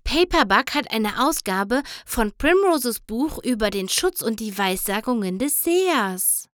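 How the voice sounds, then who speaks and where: A woman voicing an excitable, breathless young male dragon in a high, hurried voice. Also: no echo, studio quality. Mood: whispering.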